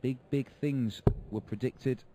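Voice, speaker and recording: A man's voice: medium pitch, fairly even intonation, slow, warm tone, a little hiss or hum. A man giving live darts commentary in a colloquial way, reacting to each throw. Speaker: sports commentator.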